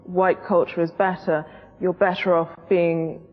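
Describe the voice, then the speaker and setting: A woman in her forties from England, a guest in a studio debate, telling her story in an earnest, measured way with frequent ums. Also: fairly low pitch, little pitch movement, long reverb tail, highs cut off, soft background music.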